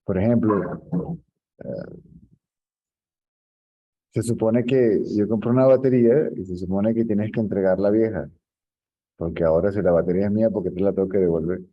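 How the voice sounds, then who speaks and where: A man with a lowish voice gives an informal spiritual teaching talk at a moderate pace, pausing often. He tells anecdotes, laughs at his own stories, and keeps checking that his listener follows, all on a dull lo-fi recording.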